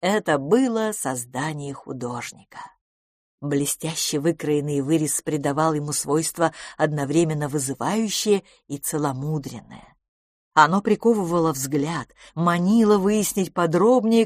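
A woman narrating an audiobook in an expressive, gently ironic storytelling manner, close to a studio microphone. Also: low voice, a little slow, dry recording.

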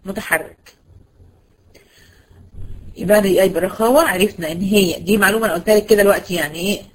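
This brisk Egyptian woman teaches tajweed online to female students, posing questions and answering them herself and slowing down to draw out example words. She's a Quran recitation teacher with a medium-pitched voice, captured on a low-quality recording.

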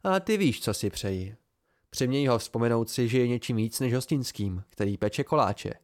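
A man's voice: mid-range voice, animated, no room sound, clean studio sound, natural voice. A man reading an amateur audiobook and voicing a charming, mercurial fey youth with a raised, eager voice and sudden intensity. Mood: fierce.

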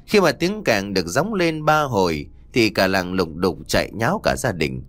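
A man's voice: lowish voice, sing-song, moderate pace, fairly bright tone, no room sound, soft background music. A man narrating a ghost story with dramatic storytelling.

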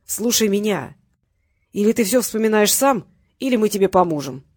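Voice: mid-range voice, expressive, normal speed, darkish tone, lightly acted. A reader voicing a cold male gang boss who gives hard, curt orders. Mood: threatening. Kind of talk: audiobook character voice.

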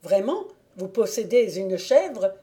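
A woman voicing an eager, bossy young male hunting valet in an audiobook, with loud, emphatic exclamations. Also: medium pitch, measured pace, natural voice. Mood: excited.

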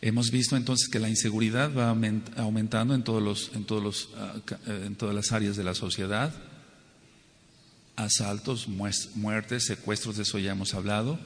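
A man's voice: lowish voice, level tone, normal speed, slight background noise. A man teaching a Torah sermon, asking rhetorical questions and repeating phrases for stress. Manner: acts out quoted people with a raised voice. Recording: long hall reverb.

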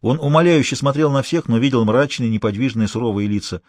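A man narrating an audiobook in an expressive, dramatic storytelling manner. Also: medium pitch, fast talker, no room sound, clean studio sound.

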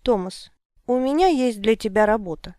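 A woman's voice: fairly high pitch, expressive, normal speed, dark tone, no room sound, studio quality, natural voice. A woman reading as a commanding wizard. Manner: firm, declaring, solemn. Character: commanding male wizard, calm and resolute. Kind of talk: audiobook character reading.

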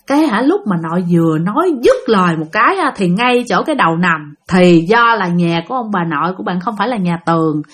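A woman's voice: on the low side, a little fast, few pauses, slightly rough. A woman with a Southern Vietnamese accent narrating a ghost story, talking straight to her listeners. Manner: animated, addressing listeners directly.

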